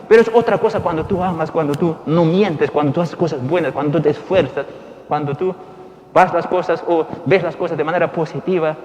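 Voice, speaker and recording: A male priest gives a folksy homily at Mass, asking the congregation questions and swinging between soft and loud. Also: on the high side. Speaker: Dominican priest. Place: church. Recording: long reverb in a large hall.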